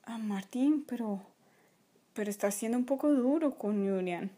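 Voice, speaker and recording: A woman voicing a gentle, worried toy mother who speaks softly and soothingly in a toy play video. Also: a little high, moderate pace, natural voice. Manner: soft, soothing, apologetic.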